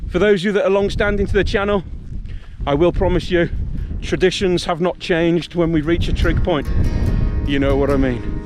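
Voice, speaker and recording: A man's voice: sits high, fairly even intonation, moderate pace, over music. A man chatting casually and jokily to camera, with some swearing, as he vlogs a hiking and camping trip outdoors in the wind. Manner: jokey, matey and sweary. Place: outdoors on a windy hillside. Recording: loud outdoor wind and ambient noise.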